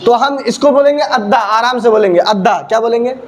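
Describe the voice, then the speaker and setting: Crowd noise fills this classroom-style teaching video, in which a fast-talking man with a very high voice drills Quran recitation. Repetitively working through letter sounds, he asks questions and then answers them himself.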